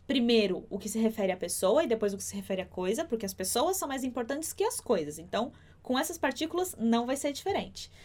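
A woman teaching a language lesson, breaking each phrase down slowly and carefully. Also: a little high, darkish tone. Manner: slow, careful, spelling out phrases. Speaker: Spanish teacher.

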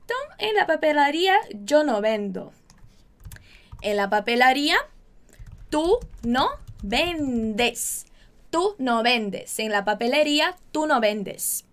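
A woman from Brazil giving a chatty, upbeat Spanish lesson, drilling words slowly and repeating them. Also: sits high, lively intonation. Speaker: Spanish teacher. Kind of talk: casual online language lesson.

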